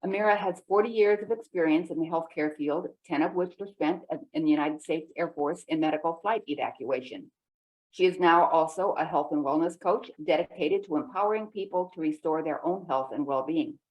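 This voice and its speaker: Lowish-voiced woman hosting a podcast. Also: fairly quick, a little mellow, poor audio. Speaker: podcast host. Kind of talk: podcast intro and casual interview.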